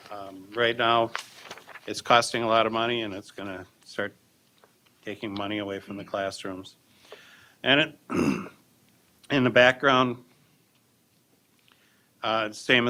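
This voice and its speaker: Bright-voiced man presenting at a meeting. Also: mid-range voice. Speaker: school board member presenting a draft. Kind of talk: reading a document with informal comments.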